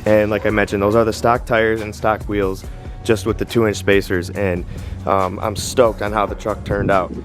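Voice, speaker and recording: Twenties male host, lowish voice, slightly breathless outdoors in winter cold, easygoing chatty delivery. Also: normal speed, soft background music. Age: 20s. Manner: relaxed, filler-heavy, enthusiastic. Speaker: car channel host. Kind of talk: casual outdoor vlog. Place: outdoors in snow beside a truck.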